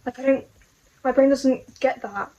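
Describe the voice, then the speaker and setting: A woman's voice: high-pitched, steady tone, a little slow, mellow, rough recording. A young woman talking to camera in a casual, rambling video diary, puzzled and full of rhetorical questions.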